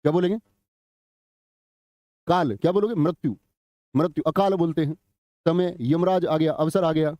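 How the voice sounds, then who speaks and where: A man's voice: fairly high pitch, moderate pace, pauses often, mellow, dry recording. A middle-aged man teaching a live online grammar class, chatty, telling anecdotes and quizzing students.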